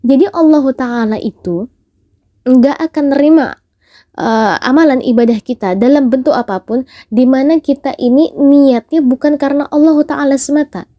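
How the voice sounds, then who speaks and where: A woman's voice: high-pitched, no echo, muffled recording. A woman preacher giving a conversational religious talk, telling stories and acting out their dialogue.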